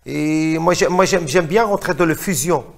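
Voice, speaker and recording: A middle-aged Moroccan singer speaks in a casual interview with a fairly high-pitched voice, vocal fry, and normal speed. He sounds hesitant, often repeating words while he searches for the right phrase.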